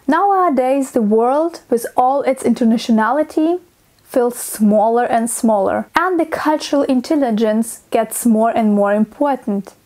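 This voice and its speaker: A young woman from Russia with a Russian accent, telling stories in a scripted talking-head vlog, expressive and acting out little scenes. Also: high voice. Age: young adult. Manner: expressive, acts out little scenes with her hands. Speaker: vlogger. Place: small dim room indoors.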